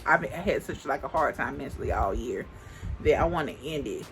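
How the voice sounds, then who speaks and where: Soft music plays behind a woman in her twenties with a deep, bass voice who speaks expressively at normal speed. As a beauty vlogger doing her makeup on camera, she rambles casually, restarting her thoughts and saying "like" a lot.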